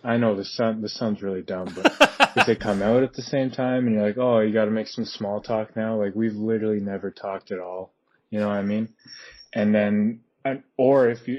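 A man's voice: on the low side, husky. A man leaving a rambling, grumbling voicemail, chuckling as he goes. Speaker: voicemail caller. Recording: dull lo-fi voicemail.

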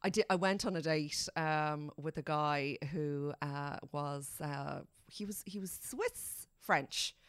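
A woman co-hosting a podcast, chatty and questioning, who pauses often with fillers. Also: sits low, smooth. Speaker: podcast co-host. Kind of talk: casual chat.

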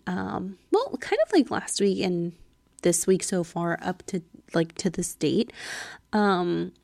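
Young woman podcaster, soft and right-in-your-ear. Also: medium pitch, gravelly, dry recording. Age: 20s. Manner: soft, close, whispery delivery right in the listener's ear; chatty, informal, filler-heavy. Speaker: podcast host. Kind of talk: casual solo podcast chat.

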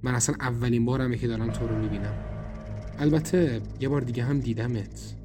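A man's voice: mid-range voice, fairly even intonation, over music. A man narrating a horror audio drama in the first person and speaking his own character's lines in a tense, wary way. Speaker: narrator and writer.

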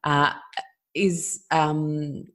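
Very deep-voiced woman podcast host. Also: flat delivery, drawn-out words, fairly bright tone. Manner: thoughtful, hesitant phrasing. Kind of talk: interview questions.

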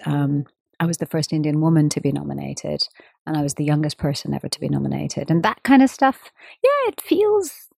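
Low gravelly-voiced woman in her thirties. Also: a little mellow, no echo, clean studio sound. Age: 30s. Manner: thoughtful, measured, laughs easily. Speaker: interview guest, sitar player. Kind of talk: relaxed conversational interview.

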